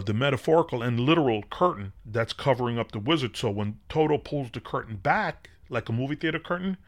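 A man hosting a podcast, casually retelling a film and drawing spiritual lessons from it, in a loose, rambling way with many fillers and restarts. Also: mid-range voice. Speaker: podcast host.

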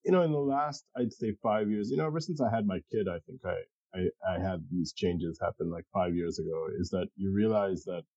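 A middle-aged man with a deep, very mellow and husky voice appears as a thoughtful interview guest in a casual, reflective conversation. He speaks haltingly and repeats words as he thinks aloud. The close, dry recording has no echo but sounds a little dull.

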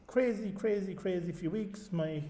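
A man's voice: high voice, moderate pace, warm tone. A man hosting a casual football discussion in a conversational, hesitant way, his voice ringing with a big echo. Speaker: podcast host. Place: echoey room. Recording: echoey room, big echo on voice.

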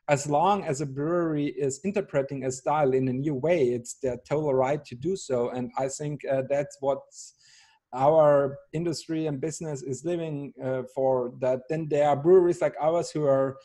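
Here the Austrian guest, a thirtysomething brewery ambassador, talks in English over a video call for a casual interview, his Austrian German accent clear. His voice is a little high, mellow and steady at a normal speed. He hesitates often, restarting and using lots of fillers, while keeping a dry humor.

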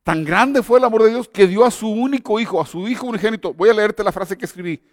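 A man in his fifties gives a sermon in a high, searching voice, leaning on repetition and pauses and stumbling into restarts now and then. The sound is close and dry, but a long reverb trails after his words as in a large hall. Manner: retells a story with emphatic pauses and repetition; stammers and restarts often. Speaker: preacher.

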